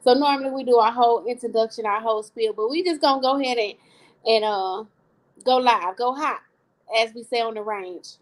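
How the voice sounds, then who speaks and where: On poor audio, a brisk woman with a voice on the high side co-hosts a live-stream talk show. Her tone is casual but earnest, and she repeats phrases to drive points home.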